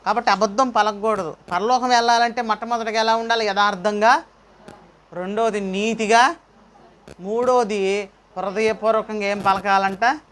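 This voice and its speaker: A man's voice: high voice, steady tone, normal speed, a bit bright. A male pastor preaching a sermon, asking the congregation questions and calling out praise. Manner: preaching with rhetorical questions and call-outs.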